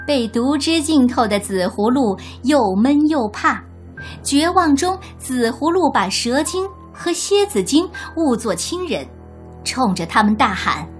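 A woman narrating a children's story in an expressive, deliberate way. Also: high voice, faint music behind.

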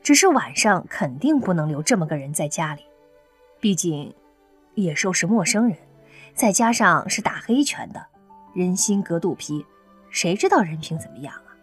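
A woman reading an audiobook novel as narrator, in an animated storytelling way. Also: on the low side, normal speed, slightly rough, faint music behind. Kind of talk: scripted narration.

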